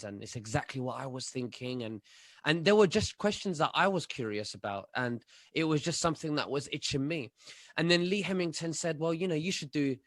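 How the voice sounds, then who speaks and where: Halting man in his thirties. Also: mid-range voice, no room sound, studio quality. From London, England. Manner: halting, many fillers and restarts. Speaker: guest, online commentator. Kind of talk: casual interview answers.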